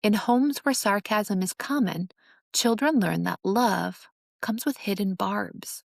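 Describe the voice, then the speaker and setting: Woman, earnest teaching tone, gravelly fry, mid pitch, dry close sound. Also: slow, no room sound. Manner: earnest, instructive, acts out sarcastic examples. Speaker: host. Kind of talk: teaching monologue on relationships.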